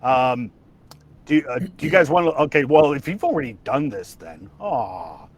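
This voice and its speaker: A man's voice: mid-range voice, very animated, moderate pace. A man hosting a casual livestream chat, rambling with restarts and laughter. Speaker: livestream host.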